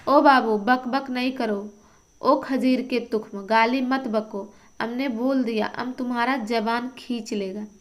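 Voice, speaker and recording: A woman reading the lines of a rough-spoken male Pathan traveller who speaks broken Hindi and threatens people, as part of a lesson. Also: a little high, fairly even intonation, takes it slowly. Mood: scolding.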